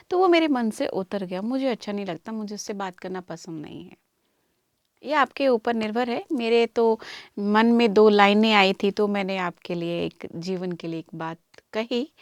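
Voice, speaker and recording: A woman hosts a music talk show in a calm, measured voice. Her pitch sits in the middle of the range. The sound is close and dry, with no room echo. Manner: calm, measured speech with soft laughs. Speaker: show host and anchor. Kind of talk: studio music show interview.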